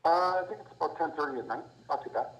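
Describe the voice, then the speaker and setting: A man calling in over a speakerphone to give a halting spoken tribute at a memorial. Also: fairly high pitch, lively intonation. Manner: halting, with many fillers and restarts. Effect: heard over a speakerphone. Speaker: family member calling in to a memorial. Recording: lo-fi echoey speakerphone audio.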